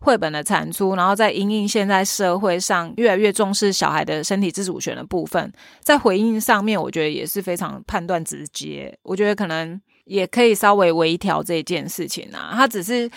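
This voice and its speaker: Brief: Taiwanese-accented woman, troupe leader, gravelly fry in her voice, lively anecdote-teller, dry close mic. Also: on the low side, brisk, dry recording. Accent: Taiwanese Mandarin. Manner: chatty, animated retelling with quoted dialogue. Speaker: guest, leader of a children's theater troupe. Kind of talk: casual interview talk, storytelling.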